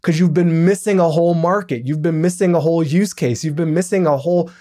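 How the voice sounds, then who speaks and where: A middle-aged man, a podcast guest, explaining his points in an animated, emphatic way. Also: on the high side, brisk. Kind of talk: podcast interview.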